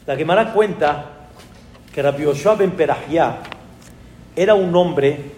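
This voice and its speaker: A man with a Mexican accent, a rabbi telling a story in a sermon with animated, dramatic exclamations. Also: a little high, unhurried, echoey room, long reverb tail, slight background noise.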